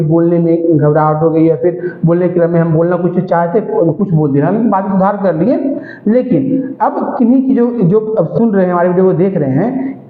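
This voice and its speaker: A man teaching Sanskrit grammar, asking questions and answering them himself. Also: high-pitched. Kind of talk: classroom grammar lesson. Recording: echoey room, tinny phone-like sound.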